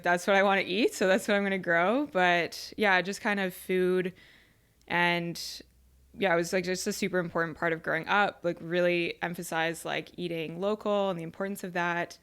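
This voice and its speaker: A woman's voice: lowish voice, fairly bright tone, clear, resonant tone. A young woman from rural Ontario, chatting openly as a podcast guest and often saying "like". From rural Ontario, Canada. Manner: chatty and open, many "like" fillers. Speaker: podcast guest, charity community manager. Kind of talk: casual interview chat.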